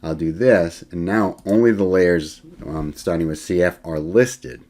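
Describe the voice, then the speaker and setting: A college instructor with a low-sitting voice gives a screen-recorded software lecture at a measured pace, keyboard typing audible behind him. He's relaxed, demonstrating and thinking aloud, using fillers and correcting himself.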